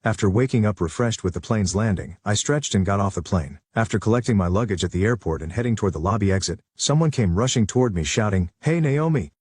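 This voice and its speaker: A man narrates a story in an even, matter-of-fact way. His voice is low and husky. The recording is close and dry. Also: quick pace, few pauses, no room sound. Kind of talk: scripted first-person narration.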